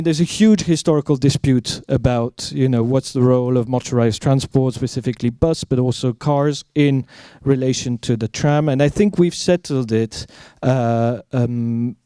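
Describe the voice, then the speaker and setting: A man answering audience questions as an academic speaker, phrasing his thoughts deliberately with pauses. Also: medium pitch, warm tone, clean tone, no room sound.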